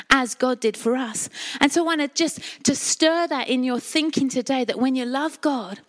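Female preacher, middle-aged, Essex accent, high pitch, colloquial storytelling sermon style. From Essex, England. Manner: chatty, colloquial, uses rhetorical questions. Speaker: church preacher. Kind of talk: sermon with chatty personal storytelling.

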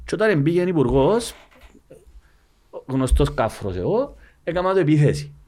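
A man's voice: on the high side, big pitch swings, warm tone. A man with a Cypriot Greek accent co-hosting a podcast, chatting casually and telling anecdotes. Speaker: podcast co-host.

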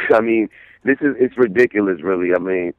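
A low-voiced man calls in to a radio interview, speaking earnestly and circling back over his words as he thinks. The sound is thin and tinny like a phone line, and very dry. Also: moderate pace, no echo. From San Francisco, USA. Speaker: guest artist.

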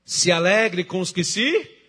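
A middle-aged man preaching a sermon as pastor, moving from hushed storytelling to shouted exhortation. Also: high-pitched, animated, takes it slowly.

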